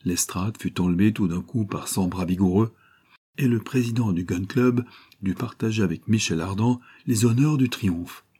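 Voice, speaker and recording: Low, husky male audiobook narrator. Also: dark tone. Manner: measured, literary reading. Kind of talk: scripted narration of a classic novel.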